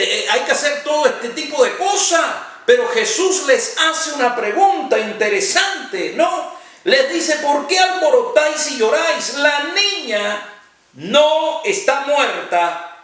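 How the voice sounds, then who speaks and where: A man's voice: very high-pitched, a bit bright. A man, a pastor, preaching a sermon emphatically and stretching out stressed words. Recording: very echoey, from far off.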